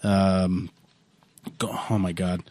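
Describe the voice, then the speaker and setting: A man's voice: low-pitched, level tone, slow, a little mellow, no echo, studio quality. A young man with a sick, congested voice, co-hosting a casual podcast, rambling and swearing often. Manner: rambling, profane, laughs often. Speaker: podcast co-host.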